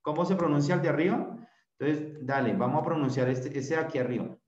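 Guy teaching class over video call, repeats stuff slow, muffled lo-fi and roomy sound. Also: fairly high pitch, a little mellow. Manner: drills phrases slowly, repeats them often. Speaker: English teacher. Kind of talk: virtual class instruction. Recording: echoey room, dull lo-fi sound.

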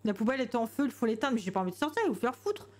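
A woman's voice: fairly high pitch, lively intonation, rapid-fire, darkish tone. A woman streamer giving jumpy, chatty commentary on a horror game, talking to herself and greeting customers politely. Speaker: gamer streamer.

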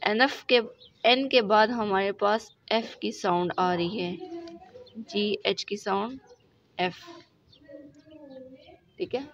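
A woman with a Pakistani Urdu accent teaching shorthand in a recorded lesson, going slowly step by step and checking in with the class after each point. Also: mid-range voice, vocal fry, a bit bright. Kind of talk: recorded lesson explaining examples. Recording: dull lo-fi recording with faint noise.

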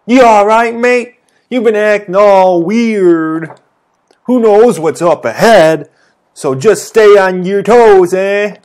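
A man's voice: high-pitched, slow, voice pushed up. Man putting on a brash slangy young woman. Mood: concerned. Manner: loud, exclaiming, slangy.

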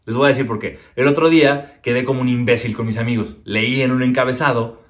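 A man's voice: mid-range voice, fairly even intonation, quick pace. A young Mexican man doing stand-up comedy from his living room, crude and self-mocking, arguing back and forth with himself.

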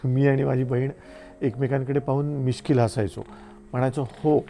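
A middle-aged man from India reads his own essays in a slow, reflective storytelling manner. His voice is gravelly and dark, with soft guitar playing faintly behind him. Pauses sit between his phrases. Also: mid-range voice, steady tone. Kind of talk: literary book reading.

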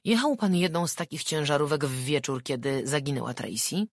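A narrator reading an audiobook and voicing a calm detective asking even, probing questions. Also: medium pitch, fairly quick, no room sound, studio quality, close to an everyday voice. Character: calm, methodical police detective.

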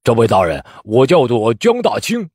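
A man doing a big, arrogant young nobleman in a storytelling performance, with a haughty, cold sneer and quick flares of temper. His lively pitch rises sharply as the anger builds. The voice is a little husky. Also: no room sound, clean studio sound.

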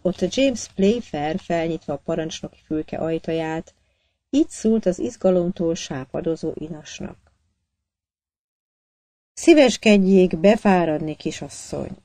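A woman narrating an audiobook in a measured, even storytelling manner. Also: deep voice, no echo. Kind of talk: scripted narration.

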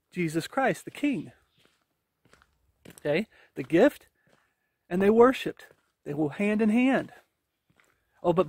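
A man's voice: on the high side, no room sound. A man in his forties preaching informally and emphatically as he walks outdoors, pressing his points with rhetorical questions, recorded on a phone at arm's length. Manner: talking while walking. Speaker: religious vlogger. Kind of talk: informal preaching while on a walk. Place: outdoors on a wooded path.

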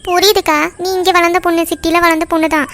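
A woman's voice: extremely high pitch, little pitch movement, fast talker, a bit bright, a little hiss or hum. A woman voicing an earnest teenage younger sister in a cartoon, coaxing and persuading.

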